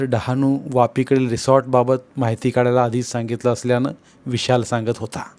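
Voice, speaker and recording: Measured male audiobook narrator. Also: medium pitch, darkish tone. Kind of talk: novel reading.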